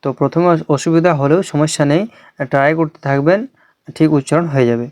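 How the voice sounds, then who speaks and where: A man teaching Quran reading online, sounding out letters slowly one by one and explaining patiently. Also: a little high, steady tone, a little mellow, no room sound. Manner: slow drawn-out letter-by-letter recitation with explanations; reassuring, invites viewers to ask questions. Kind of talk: online recitation lesson.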